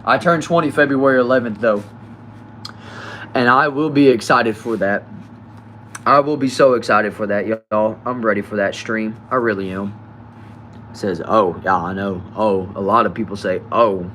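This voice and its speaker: A young guy in his late teens, chatting casually on a live stream as he answers comments one by one. His voice sits a little low, and his sentences often drop off softly at the end. A faint hum of air conditioning hangs in the background. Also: normal speed. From United States. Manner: relaxed, chatty, trails off quietly at line ends. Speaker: livestreamer.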